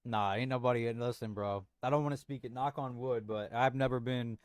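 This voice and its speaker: A young man livestreams from home, chatting loosely with viewers in a rambling, slangy style, constantly restarting and saying "bro" a lot. His voice is medium-pitched and fairly even, moving at a fairly quick, smooth clip. The recording is clean studio sound with no room tone.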